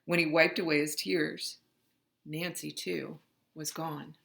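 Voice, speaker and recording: Reading a children's picture book aloud, this female narrator takes her time and leans into drama. Her delivery is expressive, low in pitch, yet bright with crisp edges.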